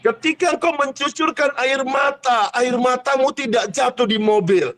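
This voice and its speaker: Male pastor, high-pitched voice, fervent charismatic sermon that moves between shouting and soft, pressing delivery. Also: normal speed, soft background music. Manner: impassioned, swings from shouted exhortation to hushed intensity, speaks in tongues.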